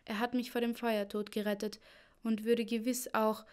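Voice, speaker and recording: A woman's voice: fairly high pitch, little pitch movement, normal speed, clean tone, lightly acted. Woman reading a grim, loyal lady's maid. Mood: earnest. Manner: grim, earnest.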